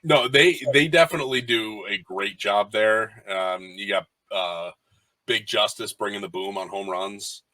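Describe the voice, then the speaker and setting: In this rough, echo-free recording, a podcast co-host chats casually about baseball, full of fillers and false starts. His voice is lowish, pushed and bright, and he speaks a little slowly.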